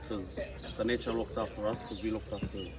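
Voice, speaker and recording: A man answering interview questions, shy and halting. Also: fairly low pitch, steady tone. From New Zealand. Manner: shy, halting, soft-spoken. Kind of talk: casual street interview. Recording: far from the mic, crowd behind.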